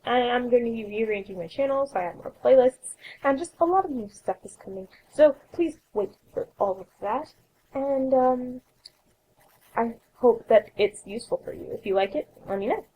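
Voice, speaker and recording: A young woman hosting a let's play, chatting through her gameplay with a raspy voice that has a cold in it and a rambling way of correcting herself. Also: a little high, expressive, moderate pace, phone-quality sound. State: coughing, sore throat. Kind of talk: casual gameplay narration.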